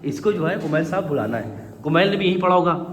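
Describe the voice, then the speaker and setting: Male teacher, slightly high voice, patient coaxing classroom tone, echoey hall. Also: lively intonation, a little hiss or hum. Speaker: Quran reading teacher. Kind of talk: classroom Quran recitation lesson.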